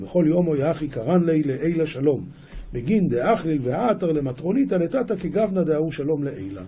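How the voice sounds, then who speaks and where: Over slight background noise, a male rabbi with a fairly high, mellow voice teaches his daily lesson. He reads an old religious text aloud, then unpacks each phrase, frequently restarting and self-correcting.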